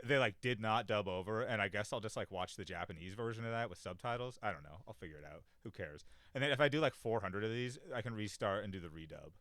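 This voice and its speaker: A man's voice: lowish voice, fairly bright tone, no echo, clean studio sound. A man hosting a casual solo commentary, rambling through his thoughts with many fillers and an offhand, self-deprecating manner. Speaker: show host.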